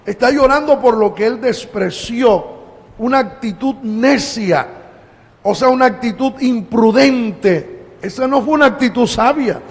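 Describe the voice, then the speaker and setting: A pastor from Colombia preaching a sermon, with emphatic rises and drawn-out phrase endings. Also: male voice, very high-pitched. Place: church. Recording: long church hall reverb.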